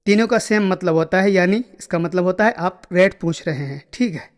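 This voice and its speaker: A man giving a spoken language lesson, repeating short phrases slowly so learners can follow along. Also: sits high, in a large hall. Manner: slow, repeated phrases for drilling. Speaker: language teacher.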